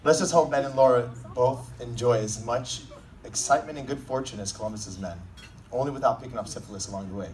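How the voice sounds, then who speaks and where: A man's voice: medium pitch, quick pace. A man delivering a comedic best man's wedding speech in a joking, teasing, informal manner. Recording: distant mic, noisy room recording.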